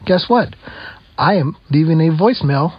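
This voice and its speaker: A man who calls in to the show, heard through a recorded voice message. He talks in a relaxed, friendly way and often pauses on "uh". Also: fairly high pitch, slightly rough, no echo. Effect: recorded voice message played on the show. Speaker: listener calling in. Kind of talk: casual chatty voicemail. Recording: muffled lo-fi voicemail audio with faint music.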